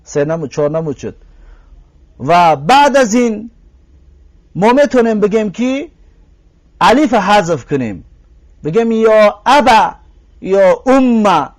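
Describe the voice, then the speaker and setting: A language teacher with a Tajik Persian accent leads a grammar lesson, slowly drawing out each example word and posing rhetorical questions to his listeners. His voice is high and a little mellow, with big swings in pitch.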